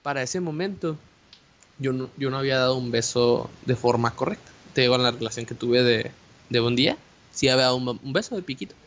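A young man with a Mexican Spanish accent telling a personal story in casual chat, animated and slangy, with many fillers and restarts. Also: mid-range voice, brisk. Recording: dull lo-fi audio with faint hiss.

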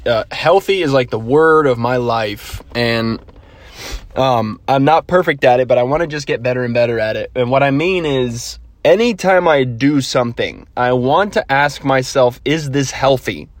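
A man thinking aloud in a rambling, self-correcting way on a quick solo podcast. His voice sits in a middle register and sounds a little stuffy. It is recorded close and dry inside a car. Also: medium pitch, dry recording. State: slightly stuffy after illness. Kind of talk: casual solo monologue. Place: car, while driving.

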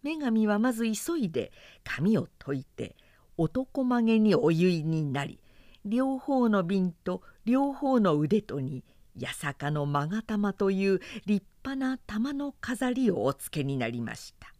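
A professional woman narrator reading an old myth in a gentle, polite, carefully paced storybook style on a close mic. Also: medium pitch, big pitch swings, takes it slowly, dry recording. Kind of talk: storybook narration of classic myths.

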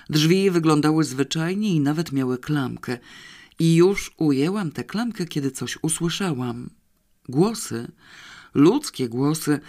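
A man's voice: a little high, a little mellow. Man reading a novel aloud. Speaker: audiobook narrator. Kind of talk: scripted first-person narration.

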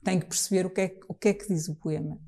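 A jazz singer from Trás-os-Montes in Portugal, answering interview questions in a casual, halting way with many restarts. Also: female voice, lowish voice, steady tone, dark tone.

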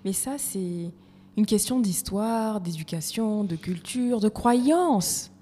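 A woman's voice: medium pitch, animated, slow, dark tone. Reflective woman guest, mid-range voice, reverberant room. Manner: reflective, restarts mid-phrase. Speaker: guest, evaluation coach. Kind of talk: conversational podcast interview. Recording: reverberant room with faint noise.

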